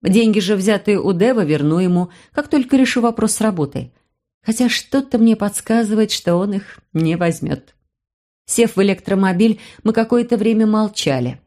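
A woman narrating a first-person fantasy audiobook in a steady, even storytelling manner. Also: medium pitch, moderate pace.

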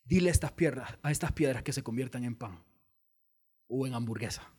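A man's voice: mid-range voice, fairly quick, darkish tone, breathy edge, voice pushed down, natural voice. A male preacher voicing the devil as a sly, scheming tempter who taunts and wheedles. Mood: taunting.

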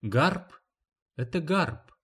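A man reading an audiobook, voicing a sleepy, calm young mother who answers in short, clipped replies. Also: on the high side, drawn-out words, breathy edge, voice pushed up, heavily acted. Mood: drowsy. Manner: sleepy, terse.

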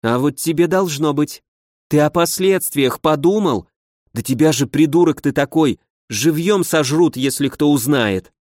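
A man reading an audiobook voices a sharp-tongued young noblewoman who scolds and lectures her brother. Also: on the high side, unhurried, dry recording, clean studio sound, natural voice. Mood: scolding. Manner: scolding, exasperated.

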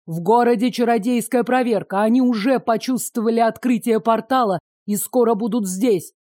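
An earnest young hero reasons and pleads with his captors, read by a woman narrator. The voice stays mellow and close to her own. The recording is dry and close. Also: a little high, normal speed, no room sound, natural voice. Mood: urging. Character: earnest young male dragon-shifter hero.

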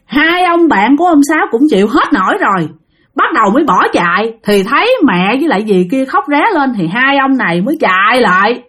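A woman with a Southern Vietnamese accent tells a ghost story casually, turning often to speak straight to her listeners. Her voice sits on the higher side and swings a lot in pitch, keeping the telling animated. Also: fairly quick, breathy edge. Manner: animated, addresses listeners directly.

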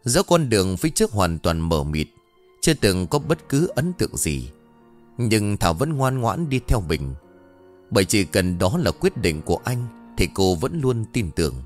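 Low, expressive male ghost-story narrator. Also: normal speed. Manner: expressive, dramatic reading. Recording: faint background music. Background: soft music.

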